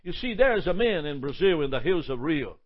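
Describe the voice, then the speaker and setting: A man preaches a sermon in a high voice, stacking up long emphatic lists. He stumbles and repeats words as he goes. The recording sounds dull and lo-fi. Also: sing-song, brisk.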